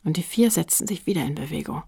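A woman narrates a children's story with suspense, often sinking into a whisper. Her voice is low, husky and gravelly, and the recording is dry and close. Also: fast talker, mellow, dry recording. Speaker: audiobook narrator. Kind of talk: reading a children's book aloud.

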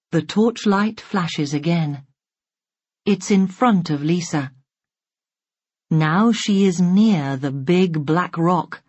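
A woman narrating a simple learner's story in a slow, deliberate, carefully spaced reading. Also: on the low side, a little mellow, husky, dry recording. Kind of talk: slow graded-reader narration.

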